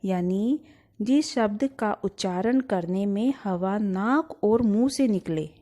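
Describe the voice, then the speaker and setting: A woman's voice: medium pitch, slow, dark tone. A woman teacher giving a grammar lesson to children, patiently explaining and asking them to repeat the words aloud. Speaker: Hindi teacher.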